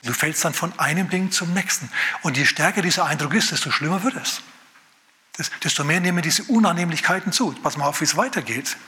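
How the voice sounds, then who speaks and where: A male pastor preaching with a bright, forceful, fairly high voice. He tells his story in a lively way and briefly acts out what people say. His voice carries a long reverb, as in a church hall. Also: a little fast. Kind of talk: sermon.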